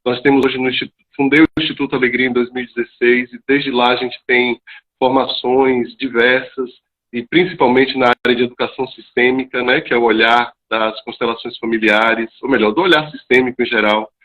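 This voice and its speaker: A man's voice: medium pitch, flat delivery, fairly quick. Man, 50s, reflective teacher, live video call, muffled lo-fi sound. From Salvador, Bahia, Brazil. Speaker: guest, teacher.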